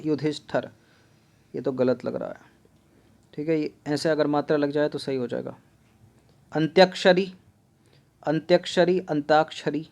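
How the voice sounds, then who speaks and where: A man teaching an exam-prep grammar lesson, repeating words slowly and explaining each answer step by step. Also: on the high side, a little mellow. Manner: explains step by step, often says 'theek hai'.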